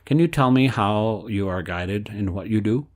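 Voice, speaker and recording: A man voicing a polite male interviewer, read straight from a book. The questions come in a plain tone. The voice sits slightly low. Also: lively intonation, normal speed, lightly acted. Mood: asking. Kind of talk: reading a book aloud.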